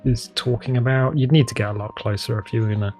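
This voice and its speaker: A man improvising narration as game master of a tabletop game, halting and hesitant. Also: medium pitch, fairly even intonation, a little mellow. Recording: music playing behind the voice.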